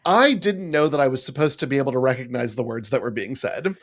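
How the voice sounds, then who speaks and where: A man co-hosting a podcast in casual chat, animated and wry, laughing often. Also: medium pitch, quick pace. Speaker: podcast co-host.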